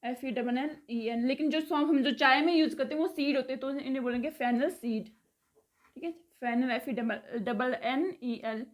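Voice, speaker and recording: A woman with a high, light voice gives a casual vocabulary lesson. She repeats each word slowly and spells it out letter by letter. She checks in with a quick "okay" after nearly every item. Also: fairly even intonation. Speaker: spoken English teacher.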